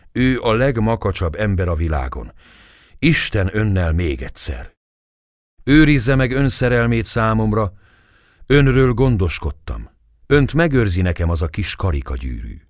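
Earnest young man in love, read by a man, solemn, low voice, audiobook. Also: big pitch swings, no echo, clean studio sound.

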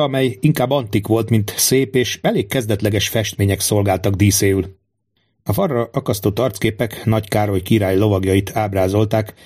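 A man reading a historical novel aloud in steady, measured audiobook narration. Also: on the low side.

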